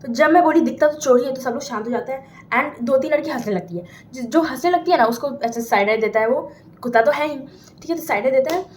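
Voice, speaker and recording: A young Indian woman vlogger spins an imagined story in a casual mix of Hindi and English, her high, animated voice racing along with a faint hiss or hum. She keeps it chatty, frequently checking in with "theek hai?"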